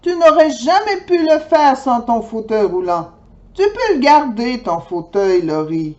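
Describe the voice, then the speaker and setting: Figure: firm father, read by a woman. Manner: lowered voice. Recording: dull. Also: very animated, unhurried, darkish tone. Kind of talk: storybook read-aloud.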